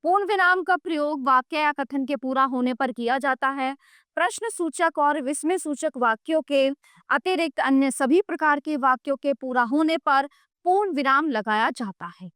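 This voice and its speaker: A woman's voice: sits high, normal speed, a bit bright, dry recording, clean studio sound. A woman teaching a grammar lesson to children, patient and explanatory, often checking in with "okay".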